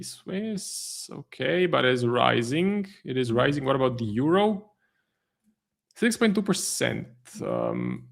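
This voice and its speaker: A man's voice: medium pitch, gravelly, fairly bright tone. A man, a trading stream host giving live market commentary, thinking aloud with many fillers and restarts. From Croatia.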